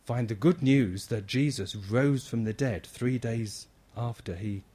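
A man giving a lively children's talk in church, acting out his points with big shouts and questions. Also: medium pitch, a little slow, breathy edge. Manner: animated, acts out shouting for help.

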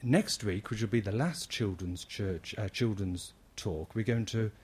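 A man giving a lively children's talk in church, acting out his points with big shouts and questions. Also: lowish voice, unhurried, husky. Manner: animated, acts out shouting for help.

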